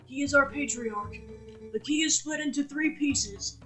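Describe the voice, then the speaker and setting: Old rock-tribe elder, creaky and gentle, slow delivery, a streamer putting it on. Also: high-pitched, faint music behind, pitched above the performer's own voice. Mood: earnest. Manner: slow, soft old man voice. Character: old male rock-folk elder, kindly, creaky back. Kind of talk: reading game dialogue aloud.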